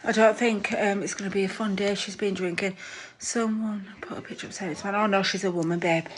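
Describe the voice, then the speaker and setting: A woman's voice: mid-range voice, steady tone, a little fast. A woman hosting a casual live stream from her room at home, chatting and gossiping into her phone, laughing at herself.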